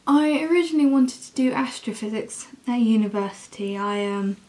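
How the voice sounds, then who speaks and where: A young adult woman with an English accent, talking casually and candidly in a halting, confessional vlog style. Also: fairly high pitch, lively intonation, a little mellow. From England. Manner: slow, halting, candid, with frequent swearing. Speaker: university student vlogger.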